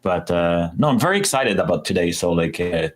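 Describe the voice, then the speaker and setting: A man's voice: sits low, lively intonation, brisk. Upbeat chatty man hosting a livestream. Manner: enthusiastic, chatty, often restarts. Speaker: show host. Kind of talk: casual livestream chat.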